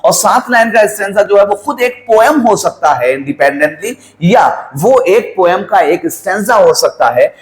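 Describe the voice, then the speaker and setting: A man's voice: high voice, expressive, normal speed, hardly any pauses, low-quality recording. A man teaching a lesson on poetry, who asks questions and answers them himself and counts out rhyme schemes letter by letter. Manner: mixes in English terms. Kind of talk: classroom lecture on poetry.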